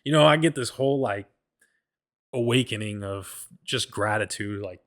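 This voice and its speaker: A man's voice: on the low side, moderate pace, fairly bright tone. A man hosting a solo podcast, telling a travel story in a rambling, profane way, full of "like" and "bro," often stumbling and restarting. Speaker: podcast host.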